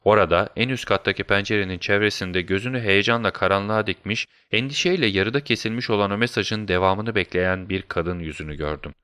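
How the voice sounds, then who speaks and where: A man narrating a story in the first person, in a measured storytelling manner. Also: lowish voice, sharp tone, smooth. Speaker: audiobook narrator.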